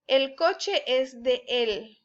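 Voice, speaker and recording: Patient woman teaching slowly. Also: high-pitched, animated. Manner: patient, checks in with "¿sí?" and acts out example sentences. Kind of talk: explaining spelling rules to students. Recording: dull lo-fi recording.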